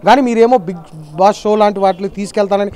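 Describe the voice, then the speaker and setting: A man's voice: sits high, fairly even intonation, quick pace, darkish tone. A male TV news reporter asks probing interview questions and passes the other side's accusations on to the guest.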